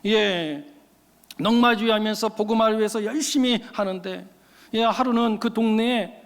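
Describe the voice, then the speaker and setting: A man's voice: sits high, normal speed, smooth. A male pastor preaching a sermon in a church, telling stories in an emphatic, folksy way and slipping into casual speech. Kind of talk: sermon with storytelling. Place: church sanctuary. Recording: long reverb of a church hall.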